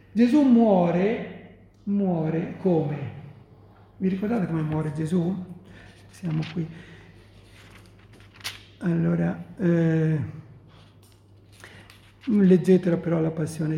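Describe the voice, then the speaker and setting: A man preaching a sermon, full of rhetorical questions and lively emphasis. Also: fairly high pitch, creaky. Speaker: priest. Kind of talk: sermon on the Passion. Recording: echoey hall, heard from a distance.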